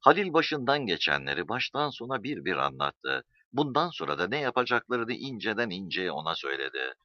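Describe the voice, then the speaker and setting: A man narrating a story as an audiobook reader, in an expressive storytelling manner. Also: on the low side, a little fast, dry recording. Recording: dull dry recording.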